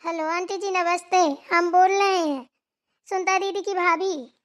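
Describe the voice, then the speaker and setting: A woman's voice: very high-pitched, steady tone, measured pace, fairly bright tone. A woman voicing a young daughter-in-law who talks politely and soothes her mother-in-law in a cartoon. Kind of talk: cartoon voice acting.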